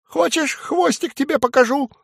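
A man voicing a sly, sleepy female garden dormouse in a storybook reading, squeaky and teasing. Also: moderate pace, vocal fry, dry recording, studio quality. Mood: teasing, cheeky.

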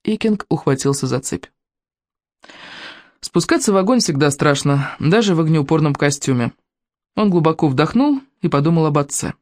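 An audiobook narrator reading a children's adventure story with lively, expressive storytelling. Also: mid-range voice, moderate pace, dry recording, clean studio sound.

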